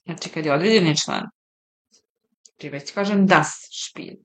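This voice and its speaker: A woman teaching German, slowly repeating example sentences and translating them into her own language, explaining points conversationally. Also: low voice. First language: Serbian. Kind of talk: slow, deliberate language lesson.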